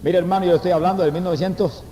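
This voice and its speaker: An older man with a Puerto Rican accent preaching a fervent testimony sermon, breaking into shouted praise. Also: high-pitched, steady tone, very fast, slight background noise. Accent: Puerto Rican Spanish. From Puerto Rico. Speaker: evangelist preacher. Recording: echoey hall, dull lo-fi recording.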